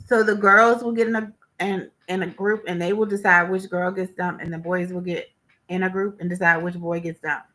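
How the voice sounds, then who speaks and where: A woman with a bright, ringing voice retells a reality show episode in a loose, chatty way. She keeps it animated, with fillers along the way, and acts out what people said. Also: on the low side, moderate pace, rough recording. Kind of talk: casual spoken recap.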